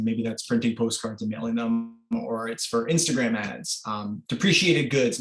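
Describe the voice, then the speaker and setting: A man presenting an online workshop, explaining informally with many filler sounds over a video call. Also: medium pitch. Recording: roomy echo.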